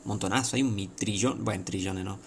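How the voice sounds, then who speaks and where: A man's voice: fairly low pitch, a little fast, vocal fry, a little hiss or hum. A man with an Argentine accent preaching an informal sermon, emphatic and repetitive, with many rhetorical questions. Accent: Argentine Spanish.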